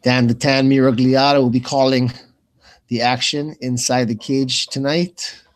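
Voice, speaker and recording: A former pro fighter commentates live on fights in a casual, slangy way, calling people bro and man. His medium-pitched voice is flat and unhurried.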